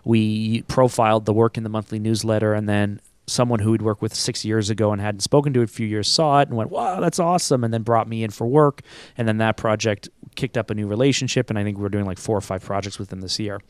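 A man with a lowish voice recorded close and dry, talking through answers in a relaxed way. He keeps circling back and restarting his sentences, laughs easily, and sounds like an agency owner chatting on his own podcast. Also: fast talker, clean tone, no room sound. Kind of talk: casual conversational interview answers.

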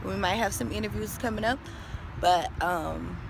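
A young woman, chatting casually to her phone camera as a vlogger, full of slang and sudden bursts of excitement. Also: medium pitch, moderate pace, creaky. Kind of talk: casual vlog chat. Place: in a car on the road. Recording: loud car and road noise.

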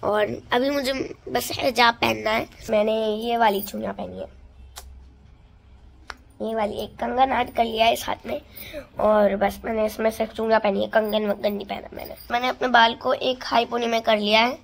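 A teenage girl vlogging casually and excitedly, showing things to her phone camera at home and in a moving car. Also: fairly high pitch, normal speed, creaky. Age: teens. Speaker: vlogger, elder daughter. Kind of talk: casual vlog chat.

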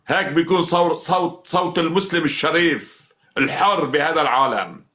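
A man's voice: a little high, fairly quick, pushed and bright, lo-fi sound. A man hosting a heated political live chat, fervent and denouncing. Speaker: live stream host.

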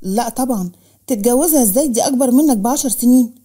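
A woman voicing a stern older man, a father and guardian, with an Egyptian accent and a firm, calm manner, in a storybook reading. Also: on the high side, fast talker, breathy edge.

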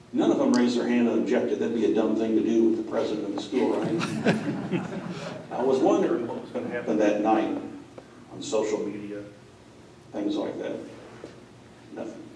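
Recorded from far off in an echoey room on a distant room mic, a middle-aged man who is a school president speaks to a seated conference audience in a low-side, mellow voice, with slight hiss or hum. His talk is plainspoken and built on stories, with asides aimed at the listeners.

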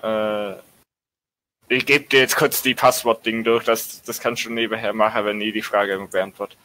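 A man's voice: fairly low pitch, level tone, moderate pace, bright, forceful tone, rough recording. A man in a casual gameplay chat, calling out numbers and letters in bursts and swearing under stress. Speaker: let's play host.

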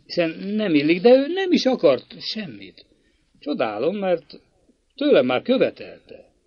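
A male audiobook reader voicing an excited, chatty young girl in a classic novel. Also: high voice, no room sound, lo-fi sound, pitched above the performer's own voice, full character voice. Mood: flustered.

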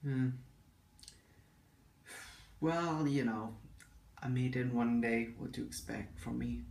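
A man's voice: medium pitch, slow pace, creaky, a little mellow. A young man in a casual vlog, sarcastically reading out comments and giving dry comebacks, recorded in an echoey room with the camera at a distance. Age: young adult. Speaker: vlogger. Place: small indoor room at home. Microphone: camera mic a little away.

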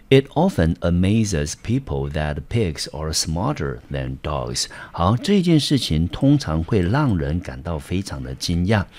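A man's voice: rumbling low, darkish tone. A male English teacher who speaks Taiwanese Mandarin and explains a vocabulary lesson patiently, step by step.

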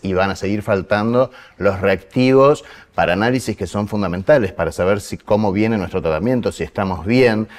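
A man with a Rioplatense Spanish accent, a guest in an interview, explaining with figures and frequent fillers and self-corrections. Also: lowish voice. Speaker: guest, program director of a foundation. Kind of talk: earnest interview answers.

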